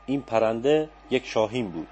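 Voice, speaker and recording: A man voicing a cryptic, insistent old male teacher in an audiobook, speaking in a low, measured, probing way. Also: animated, dark tone, dull audio, a little hiss or hum, close to an everyday voice. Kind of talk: audiobook dialogue. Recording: faint background music.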